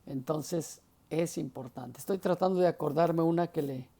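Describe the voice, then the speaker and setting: A man's voice: on the high side, normal speed, vocal fry, dark tone. A man teaching a class on preaching, explaining patiently and often checking that his students follow. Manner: explanatory, often checks understanding with short questions. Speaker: homiletics teacher.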